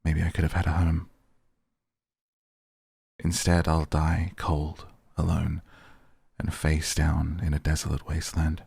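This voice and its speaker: A man reading a visual novel story aloud in a measured, dramatic narrating style. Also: very deep voice, monotone, creaky, darkish tone, breathy edge, no room sound, studio quality. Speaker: video game player reading aloud.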